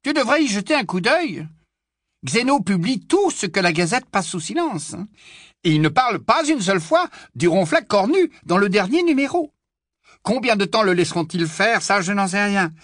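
A reader voicing a scornful, blunt man in an audiobook, with a raised, animated voice. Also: mid-range voice, normal speed, dry recording, studio quality, voice pushed up.

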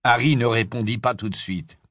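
A man reading an audiobook aloud in a slow, dramatic, expressive narration. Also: medium pitch, no echo, clean studio sound.

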